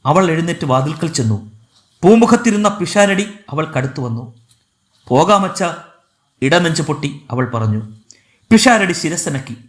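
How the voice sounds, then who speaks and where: High-voiced, expressive male storyteller. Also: normal speed. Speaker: audiobook narrator. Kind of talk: dramatic novel narration. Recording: echoey room.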